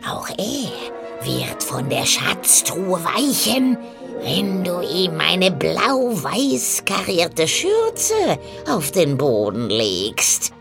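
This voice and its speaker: A woman voicing a sly, ugly old witch who croaks, cackles and coaxes. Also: huge pitch swings, very slow, music in the background, full character voice. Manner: wheedling, cackling, sudden shrill rises.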